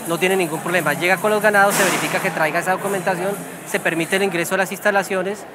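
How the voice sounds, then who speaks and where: A man's voice: high-pitched, steady tone, fast talker. A man with a Colombian accent explaining things in an interview as a cattle auction representative. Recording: loud music and crowd noise behind. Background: loud music, crowd.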